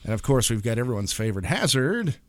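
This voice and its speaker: Man, radio host, casual chat, lively intonation, dry close studio sound. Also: mid-range voice, fast talker, no echo. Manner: chatty, easygoing, hesitant fillers.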